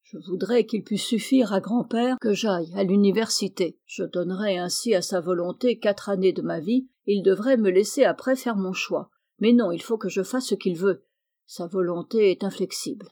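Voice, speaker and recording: An impatient teenage boy eager to see the world, read aloud by a woman, speaking with excitement. The voice stays warm and mellow at a middle pitch. A storybook reading. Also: normal speed, close to an everyday voice. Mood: restless.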